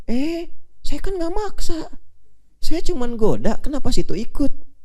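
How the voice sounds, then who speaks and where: A preacher putting on a sly, mocking devil. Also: male voice, very high voice, very animated, a little slow, dark tone, pitched above the performer's own voice, heavily acted. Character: sly male devil shrugging off blame.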